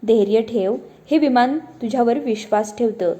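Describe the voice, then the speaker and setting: A woman voicing a kind, wise sky fairy in a children's story, speaking calmly and soothingly. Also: a little high, normal speed, natural voice. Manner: calm, soothing delivery.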